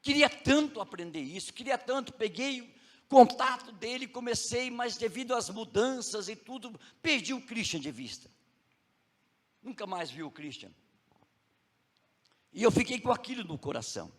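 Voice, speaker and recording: A man's voice: extremely high pitch, moderate pace, in a large hall. A male pastor with a Brazilian Portuguese accent preaching a sermon, telling a story and putting emphatic questions to the congregation. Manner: animated, emphatic, asks the audience questions.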